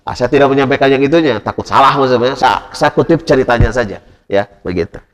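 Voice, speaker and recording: Animated preacher telling a story. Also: male voice, medium pitch, fast. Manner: animated, addresses listeners as Pak, rhetorical questions. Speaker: Islamic preacher. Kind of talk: storytelling sermon. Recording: long hall reverb.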